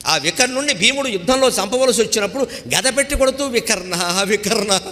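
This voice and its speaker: Animated high-voiced man giving a discourse. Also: quick pace, in a large hall. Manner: animated, acts out dialogue in quoted voices. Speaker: spiritual discourse speaker. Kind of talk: devotional discourse.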